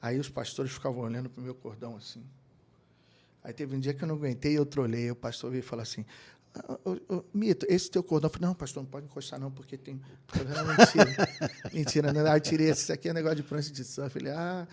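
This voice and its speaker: In a casual interview, a middle-aged Brazilian guest, a keyboardist and music producer, recounts anecdotes animatedly, quoting voices and laughing. His voice sits on the high side and moves at a quick pace.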